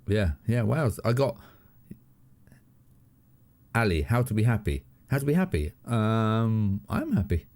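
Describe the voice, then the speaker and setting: A man's voice: on the low side, big pitch swings, measured pace, pauses often, a little mellow. A middle-aged man with a southern English accent, hosting a casual live stream from his home studio, rambling and laughing with many restarts. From southern England.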